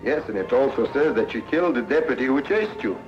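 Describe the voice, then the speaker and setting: An actor playing a charming, gallant male hero who talks in smooth, flowery compliments. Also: medium pitch, lively intonation, fast, lightly acted. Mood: calm. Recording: dull old TV soundtrack with music.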